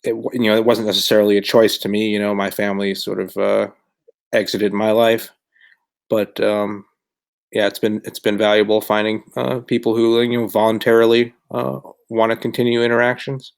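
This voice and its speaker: A man on a casual podcast panel speaks in a lowish, notably flat monotone. He is measured and deliberate, pausing on fillers between thoughts. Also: gravelly.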